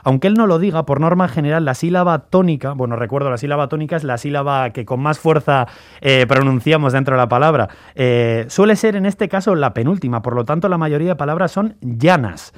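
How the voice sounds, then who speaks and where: A man's voice: fairly high pitch, fairly quick, no room sound, studio quality. A man explaining language points on a radio chat show in a didactic, example-driven way. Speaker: radio language segment contributor.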